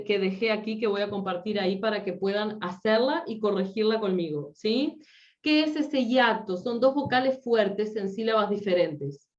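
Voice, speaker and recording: A woman teaching a class at an easy mid pitch, explaining step by step and often pausing to check that her students follow. She sounds set back from the microphone, and the recording is a little muffled and lo-fi. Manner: explains patiently, checks understanding with frequent "¿sí?". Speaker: Spanish teacher. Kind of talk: online class lecture. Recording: slightly distant, dull lo-fi mic.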